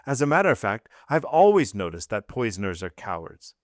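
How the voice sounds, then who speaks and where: A man's voice: on the low side, animated, unhurried, dry recording, clean studio sound. A man reading aloud, voicing a stern magistrate who questions his wife in a blunt, commanding way. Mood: accusing. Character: cold, stern magistrate husband.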